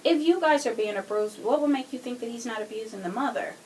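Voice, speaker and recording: A podcast co-host with a slightly high, somewhat mellow voice talks quickly in a true crime discussion, casually and emphatically arguing her points. The audio quality is poor.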